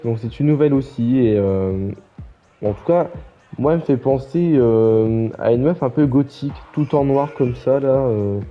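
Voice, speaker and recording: A man's voice: mid-range voice, moderate pace, lo-fi sound, soft background music. A man commentating a wrestling game casually, rambling and joking with many fillers.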